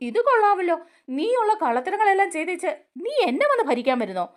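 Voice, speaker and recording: A scheming young woman fires back at her accuser, mocking and defiant, voiced by a woman narrator. Her voice is high and swoops widely. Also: very animated, quick pace.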